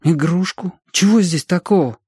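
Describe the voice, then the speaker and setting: A man voicing a frightened orphan boy who pleads with his gang leader in a raised, high voice. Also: moderate pace, darkish tone, dry recording, studio quality, natural voice. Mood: pleading.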